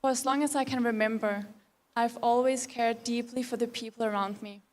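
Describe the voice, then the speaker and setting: Danish woman, non-native English, slightly high voice, composed formal pageant speech. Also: steady tone, normal speed, darkish tone. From Denmark. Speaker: pageant contestant. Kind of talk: prepared speech.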